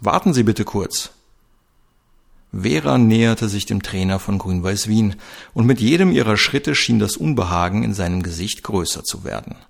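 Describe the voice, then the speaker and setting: A man reading a crime story aloud as narrator, in a steady, even storytelling manner. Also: fairly low pitch, moderate pace, vocal fry. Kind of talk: scripted audio-drama narration.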